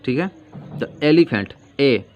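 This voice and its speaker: A male grammar teacher giving a lesson, asking questions and answering them himself and repeating key terms slowly. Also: mid-range voice, animated. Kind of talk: classroom-style grammar lesson. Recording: dull lo-fi sound with faint noise.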